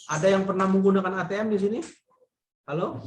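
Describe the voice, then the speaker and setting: A man's voice: high voice, quick pace, echoey room. A man teaching an online class, checking whether students can hear him while his voice keeps breaking up from a bad connection. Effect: choppy, cutting-out audio from a bad connection. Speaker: university lecturer. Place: campus building.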